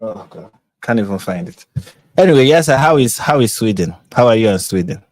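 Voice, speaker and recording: Laughing a lot, a host with a Nigerian accent keeps his casual live stream chatty and playful. He talks briskly and expressively in a lowish, darkish voice, recorded without echo.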